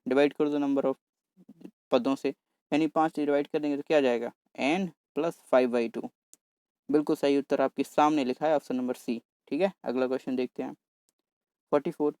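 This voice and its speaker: Brisk, dry-voiced male maths tutor. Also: on the high side, a little mellow, clean tone, dry recording. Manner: brisk, talks fast on purpose to cover the paper; addresses viewers as "bhai", chatty and coaxing. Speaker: exam maths teacher. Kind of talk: solving exam paper on screen.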